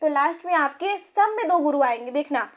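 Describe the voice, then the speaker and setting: A woman teaching Hindi grammar, explaining step by step, often asking quick check-in questions and counting aloud. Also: high-pitched, animated. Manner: repeats points, self-corrects. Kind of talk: classroom-style explanation.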